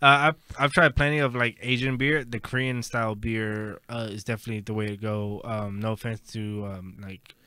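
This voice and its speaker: A man's voice: lowish voice, steady tone, normal speed, pushed and bright, smooth, no echo. A man with a Texan accent co-hosting a casual beer podcast, giggly and swearing freely. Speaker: podcast co-host. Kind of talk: casual beer-drinking chat.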